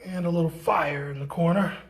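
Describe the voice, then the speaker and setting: A man guiding a live tour through an indoor art exhibit, talking in a relaxed, rambling way with many fillers. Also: fairly high pitch, brisk, gravelly. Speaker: tour guide. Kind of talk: casual guided gallery tour.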